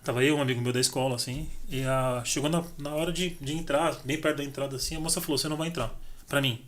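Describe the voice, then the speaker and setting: A man's voice: mid-range voice, quick pace. A middle-aged man, a podcast guest telling his life story in casual chat and acting out the dialogue. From Brazil. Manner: animated, acts out dialogue in his stories.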